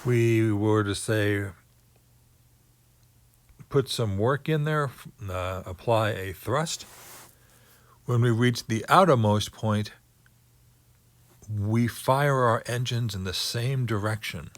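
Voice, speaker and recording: Slow-talking man teaching physics. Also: fairly low pitch. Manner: slow, thinking aloud with many pauses and fillers. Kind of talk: physics lecture.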